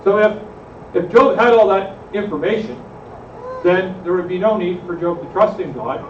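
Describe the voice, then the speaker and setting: High-voiced man leading a church discussion. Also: normal speed. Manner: questions the group, frequent "right?" tag. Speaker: pastor leading a group discussion. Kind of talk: conversational Bible study discussion. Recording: roomy, distant, slightly muffled with faint noise.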